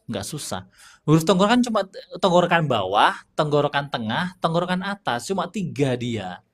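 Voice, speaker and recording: A man with a somewhat high voice runs a Quran recitation class over a live stream. In a relaxed, talkative style, he reads out what viewers ask and slowly models how each letter should sound.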